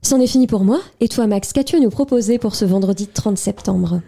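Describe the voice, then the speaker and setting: A woman's voice: medium pitch, a little fast, creaky, warm tone, breathy edge. A young woman co-hosting a radio music show, presenting new album releases playfully and joking about her own puns. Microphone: studio microphone.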